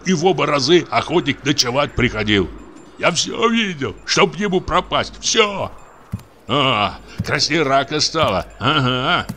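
A man's voice: on the high side, very animated, unhurried, pushed and bright, a little hiss or hum, voice pushed up, exaggerated voice. A man voicing a frightened, superstitious village deacon who grumbles and rants tearfully. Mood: ranting. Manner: grumbling, accusing, tearful muttering.

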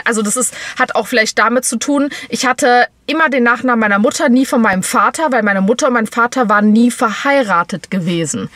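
A woman's voice: medium pitch, fairly bright tone, dry recording. A young woman from Germany chatting casually to her viewers from a parked car at night, with lots of fillers and restarts. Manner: chatty, many fillers and restarts, laughs often. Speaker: vlogger. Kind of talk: casual vlog chat. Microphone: camera on dashboard. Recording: noisy car interior.

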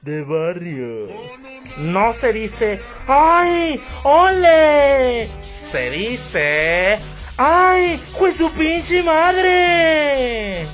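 Woman as crude, loud barrio girl, slow and brassy, light music behind. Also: mid-range voice, lively intonation. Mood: brash, rowdy. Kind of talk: comedy sketch.

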